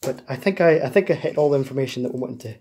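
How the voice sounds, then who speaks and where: Talking very fast, a UK card-opening host opens packs at an indoor table and casually goes over pre-orders. His medium-pitched voice is slightly mellow with a breathy edge.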